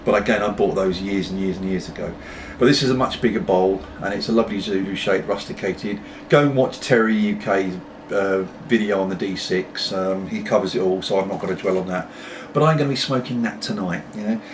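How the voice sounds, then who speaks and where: Low-voiced British man chatting, pipe in mouth. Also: fairly quick, few pauses. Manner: talking while puffing on a pipe; meandering, apologetic asides. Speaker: pipe-smoking video blogger. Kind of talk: casual rambling chat to camera. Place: at home. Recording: distant mic, clearly noisy background.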